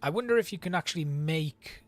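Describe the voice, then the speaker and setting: Male game streamer, thinks out loud, chatty, somewhat high pitch. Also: lively intonation, a little fast. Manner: chatty, thinking aloud while playing. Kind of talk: let's play commentary.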